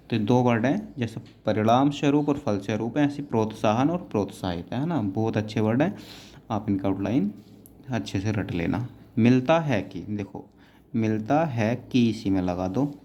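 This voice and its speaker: A man's voice: mid-range voice, darkish tone, a little hiss or hum. A man teaching shorthand, patiently explaining each word and checking in with his students as he goes. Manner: patient, keeps adding "है ना" and calling students "बेटा".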